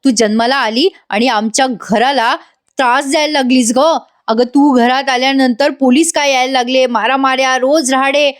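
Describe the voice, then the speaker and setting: A woman reads out a bitter, aging father scolding his daughter in a serial's review. His reproachful, pleading lines come in a high voice. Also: fairly even intonation, normal speed, natural voice.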